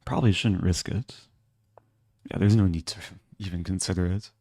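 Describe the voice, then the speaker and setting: A man giving casual live commentary as a chess streamer, low-key and thinking aloud in short fragments. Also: normal speed, creaky, a little mellow, husky.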